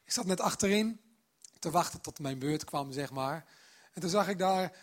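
Husky-voiced man preaching a sermon. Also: a little high, normal speed. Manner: warm direct address to the congregation, storytelling.

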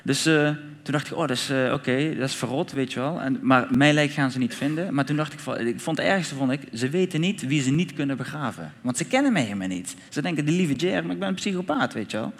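Animated man telling his story, reverberant. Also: a little high, quick pace, few pauses. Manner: animated storyteller, acts out his own thoughts, fillers and restarts, street slang. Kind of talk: personal testimony, casual storytelling.

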